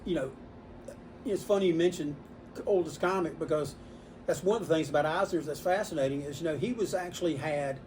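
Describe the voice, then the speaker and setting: An older man, a comic shop owner telling animated stories in a casual interview inside his store. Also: a little hiss or hum. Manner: animated storyteller, voices customers with rising pitch.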